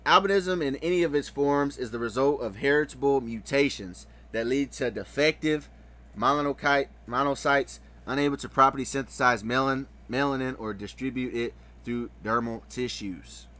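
A man's voice: mid-range voice, moderate pace, fairly bright tone. A man reading web search results aloud and commenting on them in a casual way, often adding "right?" after his points. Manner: reads aloud, then comments with frequent "right?". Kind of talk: casual screen-share commentary.

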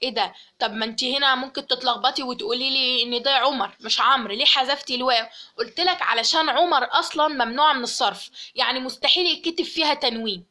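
Young Egyptian woman teacher, high voice, explains step by step and keeps checking in with the listener. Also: quick pace, bright, forceful tone. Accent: Egyptian Arabic. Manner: explains step by step, asks "okay?" often. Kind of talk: grammar lesson.

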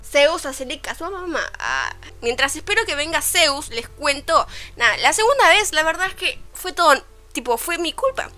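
A young woman with a Rioplatense accent, telling a story in a casual vlog, animated and swearing freely, quoting people as she goes. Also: high-pitched, moderate pace. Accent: Rioplatense Spanish. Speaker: vlogger. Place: at home, her bedroom.

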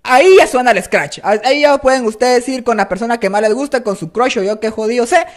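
A woman's voice: on the high side, a little fast. A woman teaching beatbox in a casual, playful spoken tutorial, joking and demonstrating vocal sounds.

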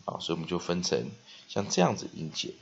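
Gravelly lo-fi man teaching spelling. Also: sits low, sing-song. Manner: frequent "ah" and "ha" fillers, slow drawn-out modeling of words. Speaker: English teacher. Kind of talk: spelling and pronunciation lesson. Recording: dull lo-fi recording.

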